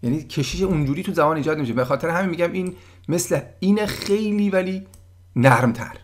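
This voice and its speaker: A man giving a casual German lesson, patiently explaining words and sounding them out slowly. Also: on the high side. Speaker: German language teacher.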